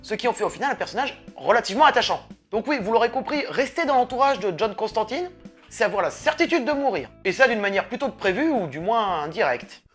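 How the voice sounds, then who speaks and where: A woman hosting a comics review video, lively and sarcastic, swearing casually as she talks. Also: on the high side, fast talker, husky, soft background music. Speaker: host of a comics review channel.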